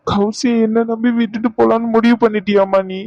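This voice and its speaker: A man's voice: extremely high pitch, level tone, fast talker, a little mellow, dry recording, lo-fi sound, pitched above the performer's own voice. A man voicing a grieving young son in a cartoon, pleading and tearful.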